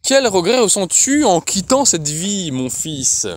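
A man voicing a scheming, cruel male wizard who presides over an execution, speaking in a loud, commanding, pompous way. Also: high-pitched, big pitch swings, a little slow, a little hiss or hum, pitched above the performer's own voice. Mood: mock kindly.

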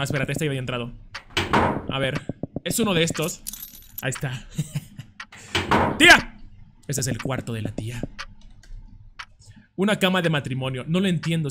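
Young dude doing horror game commentary, kinda high voice, goofy and chatty, noisy mic. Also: male voice. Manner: chatty, jokey, screams in panic. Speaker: gameplay commentator.

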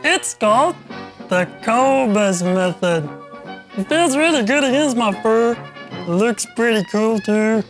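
A man's voice: very high voice, animated, slow pace, soft background music, voice pushed up, exaggerated voice. A man voicing a cheerful small male frog puppet who talks chirpily to kids. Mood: cheery.

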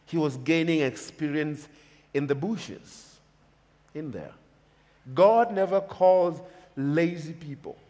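Slow and deliberate, with long pauses and a darkish tone, this voice sits on the high side. It belongs to a Kenyan-accented pastor in his thirties preaching emphatically and repetitively from the pulpit of a church stage overlooking a large hall, where the recording picks up a long reverb.

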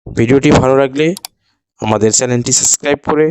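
A man teaches the rules of Quran recitation in a slow, step-by-step tajweed lesson, patiently repeating each rule and chanting the example words melodiously. His voice is mid-range, a little mellow and smooth, and he speaks fast.

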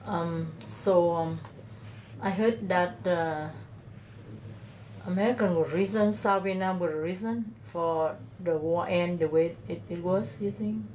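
Woman interviewer, off camera, lowish voice, hesitant questions. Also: a little mellow, slight background noise, low-quality recording. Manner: hesitant, halting with many "uh"s.

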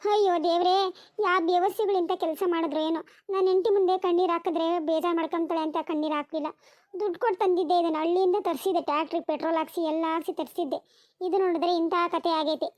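A woman's voice: extremely high pitch, fairly even intonation, very fast, darkish tone, dry recording. A woman voicing a stingy village husband. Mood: aggrieved. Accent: rural Karnataka Kannada. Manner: aggrieved, complaining, vowing revenge. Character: village husband, a stingy man slow to heed warnings. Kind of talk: cartoon voice acting. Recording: dry, dull lo-fi sound.

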